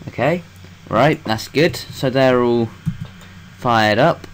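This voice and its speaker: A man's voice: medium pitch, takes it slowly, a little hiss or hum. A young man gives let's-play commentary, rambling to himself as he plays and swearing freely. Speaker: gameplay commentator.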